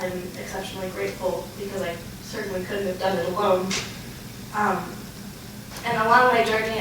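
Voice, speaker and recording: Echoey young woman giving an acceptance speech. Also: mid-range voice. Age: young adult. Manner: earnest, halting delivery with pauses. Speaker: award recipient. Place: large echoey room, live event. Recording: echoey, noisy room, distant mic.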